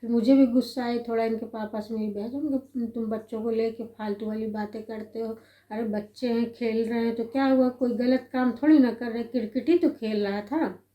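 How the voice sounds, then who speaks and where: A woman's voice: on the high side, steady tone, moderate pace, dull audio. A middle-aged woman telling a family story as a mother, rambling and conversational, acting out the lines she quotes. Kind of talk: casual spoken storytelling. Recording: echoey room.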